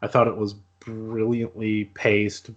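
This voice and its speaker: Man, podcast co-host, unhurried, earnest, casual chat, dull lo-fi recording. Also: on the low side, completely flat delivery. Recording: dull lo-fi audio.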